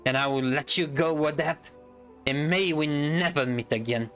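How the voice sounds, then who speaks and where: A man voicing a proud, wrathful dwarf king who shouts in anger. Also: on the high side, normal speed, soft background music, lightly acted. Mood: grim. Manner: stern, shouting in rage.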